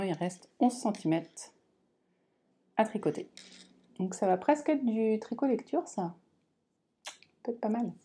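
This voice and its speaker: Mellow-voiced woman chatting about her crafts. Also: mid-range voice, breathy edge. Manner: rambling, self-deprecating, lots of fillers. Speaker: crafting vlogger. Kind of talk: casual chat.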